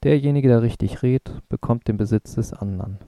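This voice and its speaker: A man's voice: mid-range voice, a little fast, mellow, dry recording, clean studio sound, close to an everyday voice. A man reading the part of an earnest young male physicist who explains things thoughtfully. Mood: explaining.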